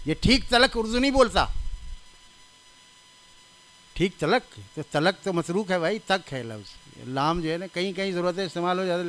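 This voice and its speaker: A man's voice: sits high, a bit bright. An older man gives a conversational sermon, full of anecdotes and pointed corrections of pronunciation. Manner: laughs at his own anecdotes. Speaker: religious scholar giving a reform talk.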